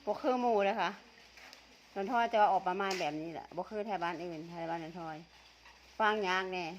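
A woman's voice: fairly low pitch, fairly quick, slight background noise. A woman with an Isan accent from northeastern Thailand, chatting casually and teasingly while eating, laughing often. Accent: Isan (northeastern Thai), Tai Yo. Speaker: vlogger.

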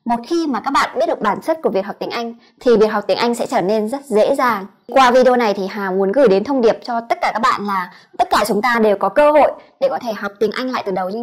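A woman with a Vietnamese accent teaching a pronunciation lesson, sounding out each sound slowly and repeating it. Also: on the high side. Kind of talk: explanatory lesson.

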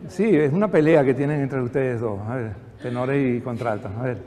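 A man's voice: mid-range voice, normal speed, dark tone. Older male choir director, echoey hall. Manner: patient, encouraging, with dry humor. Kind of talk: choral rehearsal instruction. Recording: echoey hall, faint background noise.

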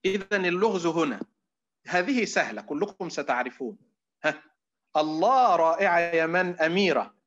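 A man with an Egyptian Arabic accent teaches an online class in a fairly high voice. He keeps quizzing his listeners, posing fill-in questions and answering them himself. The audio is dull and lo-fi. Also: moderate pace, fairly bright tone. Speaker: lecturer. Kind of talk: online lecture to students.

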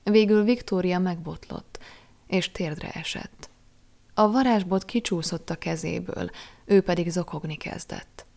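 Female audiobook reader; low, gravelly tone, measured expressive delivery. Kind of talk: audiobook narration.

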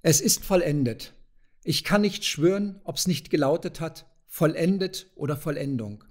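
A man reading a proud but gloomy male doctor who answers in hesitant, halting phrases. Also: on the high side, expressive, a little mellow. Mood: unsettled.

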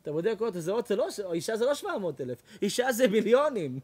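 A man, a rabbi, giving an animated sermon, loud, repetitive and mocking. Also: high voice, husky. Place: lecture hall.

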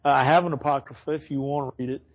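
In a church classroom, a man leads an informal Bible study, rambling, correcting himself, and chuckling often. His medium-pitched voice is fairly even in intonation and races along, and the recording's highs are cut off.

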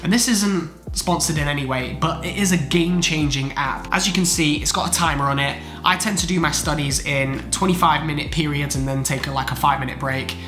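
Sounding brisk and a bit high, with almost no pauses, a medical student vlogger in his twenties talks to camera about his weekly routine. He's congested from a chest infection and gestures a lot while sitting in a home study room. The audio is roomy, with music in the background.

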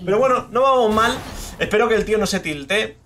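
High-voiced and talking a little fast, this young Spanish streamer with a Spain Spanish accent commentates live on his game. He gets excitable, swears, and vents angrily about his teammates.

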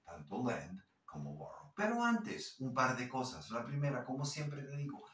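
A man hosting an English lesson in Spanish, slowing down to model English phrases and then explaining them briskly. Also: medium pitch, wildly swooping pitch, a bit bright. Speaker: English teacher. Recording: roomy, slightly distant mic.

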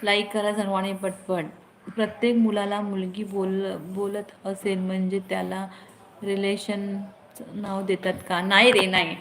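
A woman's voice: medium pitch, level tone, a little slow, roomy sound. A woman hosting a casual live stream on her phone. She chats, reads viewers' comments aloud, answers them and gives friendly advice.

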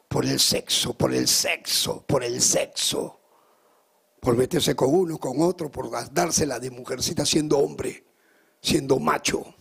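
Male pastor, live sermon: gravelly, husky, fervent, swings from loud climaxes to hushed storytelling. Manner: fervent preaching that climbs high and loud, then drops into hushed storytelling.

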